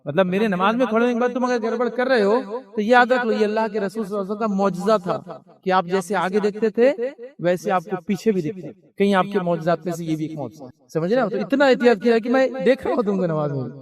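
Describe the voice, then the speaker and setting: A man preaching in a high, light voice, talking things through with rhetorical questions and stories from his own life. A crowd can be heard behind him. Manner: explains with rhetorical questions and anecdotes. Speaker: Islamic preacher. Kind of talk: conversational sermon.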